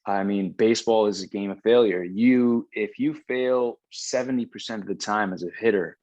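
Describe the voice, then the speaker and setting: A man's voice: lowish voice, moderate pace, a little mellow, no room sound, dull audio. A middle-aged man in a casual conversation, talking in long rambling stretches with frequent restarts. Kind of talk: casual conversation about baseball.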